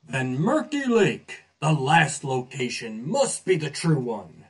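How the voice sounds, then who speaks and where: A man's voice: mid-range voice, wildly swooping pitch, slow pace, voice pushed up, heavily acted. A man voicing a bold, earnest heroic warrior rallying his allies in a children's storybook recording.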